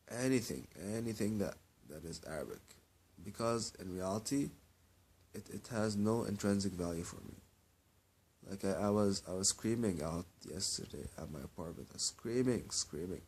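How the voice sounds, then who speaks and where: A young man from Kuwait in a rambling personal monologue, halting and restarting, often repeating his words. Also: fairly low pitch, slight background noise. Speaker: vlogger.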